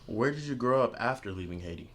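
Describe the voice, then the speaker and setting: A man interviewing, reading out scripted questions briskly. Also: mid-range voice, expressive, a bit bright.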